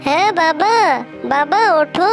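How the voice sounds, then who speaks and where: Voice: very high voice, unhurried, soft background music. A woman voicing a young female fox daughter in a cartoon, pleading and sobbing. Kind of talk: cartoon voice acting.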